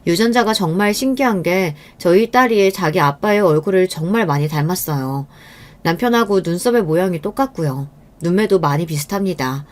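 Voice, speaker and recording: A middle-aged woman telling a first-person story in a calm, confiding, rueful tone. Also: on the low side, moderate pace. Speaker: story narrator.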